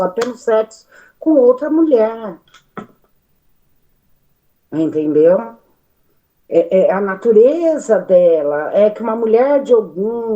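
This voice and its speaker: Slow, mellow-voiced Brazilian woman. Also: medium pitch, dull audio. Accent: Brazilian Portuguese. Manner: animated, gesturing, many fillers and restarts. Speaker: study group participant. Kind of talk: spoken reflection in a study meeting.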